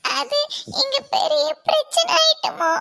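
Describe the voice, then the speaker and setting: A performer voicing a frightened young girl in an animated cartoon, talking anxiously and pleading. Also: extremely high pitch, a little slow, creaky, exaggerated voice. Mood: nervous. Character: frightened young girl after a road accident.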